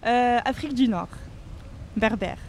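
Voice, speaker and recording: A woman's voice: fairly high pitch, a little slow, crowd noise. A woman passing by, invited to sit down and chat on a podcast outdoors, answering in an easygoing, laughing way. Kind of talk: casual chat, guessing game. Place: outdoors on a street.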